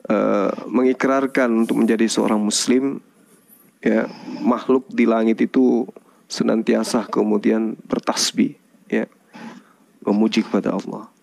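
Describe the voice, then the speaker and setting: Male preacher, leads recitation line by line, unhurried, measured delivery. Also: fairly low pitch, level tone, creaky, a little mellow. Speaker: preacher guiding a conversion. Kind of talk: slow, measured religious guidance on a livestream.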